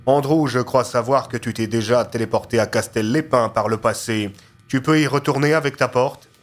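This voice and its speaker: A decisive agency chief giving brisk, commanding orders, voiced by a male narrator. The voice stays close to the narrator's own, in a storybook audio drama. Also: medium pitch, soft background music, natural voice.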